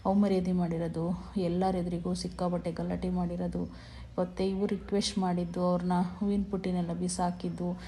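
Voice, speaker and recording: A woman's voice: lowish voice, level tone, normal speed, mellow, slight background noise. A woman casually retelling a TV serial episode in a chatty, sympathetic storytelling manner. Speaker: serial recap narrator.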